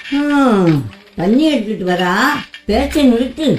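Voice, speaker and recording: A woman voicing a frail old grandmother who speaks slowly and low, with drawn-out words. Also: lively intonation, a little mellow, faint music behind. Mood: grumbling. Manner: slow, low, drawn-out speech. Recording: echoey room.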